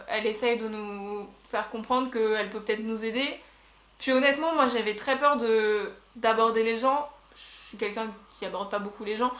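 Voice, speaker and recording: In an echoey room, a young French-speaking woman who vlogs recounts a trip in relaxed conversation. Her slightly bright, fairly high voice is chatty and packed with fillers and false starts.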